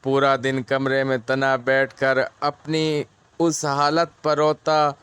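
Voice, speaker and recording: A man, narrating a moral story in a measured, earnest way. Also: mid-range voice, completely flat delivery, a bit bright, smooth, no echo.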